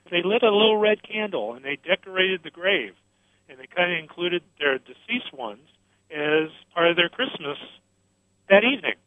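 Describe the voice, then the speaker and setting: A man's voice: on the high side, no room sound. A man from Florida calling in to a radio talk show, sharing a travel memory in an earnest, chatty way over a clipped telephone line. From Florida, USA. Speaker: caller. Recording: tinny dry phone line.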